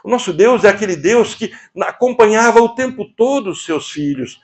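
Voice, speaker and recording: A man from Brazil delivering a sermon with a lively, swinging voice. He drops into low, quiet asides and then rises to high, emphatic lines, with a slightly higher pitch than most men. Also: moderate pace. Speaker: preacher and therapist.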